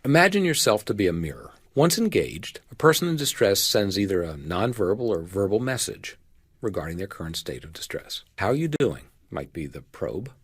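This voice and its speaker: A man lecturing on listening skills in a measured, emphatic way, slowing down to stress key phrases. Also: on the low side, big pitch swings, slightly rough, no room sound, studio quality. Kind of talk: recorded lecture.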